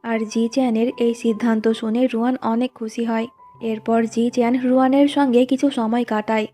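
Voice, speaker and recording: A woman with a fairly high but mellow, soft-edged voice tells a drama's story in an even, storytelling way. She reads the characters' lines in her own voice without acting them out. Faint music plays under her narration. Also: moderate pace. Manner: plain recounting, reads quoted lines in the same voice.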